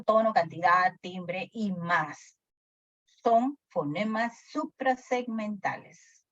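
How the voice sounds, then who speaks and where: A woman's voice: medium pitch, slightly rough, no room sound. A woman teacher giving a lecture who keeps asking her class questions. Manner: animated, asks the class questions often. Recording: dry, dull lo-fi sound.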